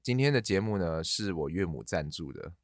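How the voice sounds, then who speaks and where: Animated man with dry humor on a podcast. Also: deep voice, normal speed, creaky, dry recording. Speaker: podcast co-host. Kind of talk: casual chat.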